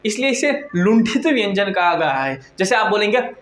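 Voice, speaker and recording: High-voiced male teacher in echoey room. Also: big pitch swings, normal speed, a bit bright. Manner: repeats questions and answers them himself. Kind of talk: classroom lecture.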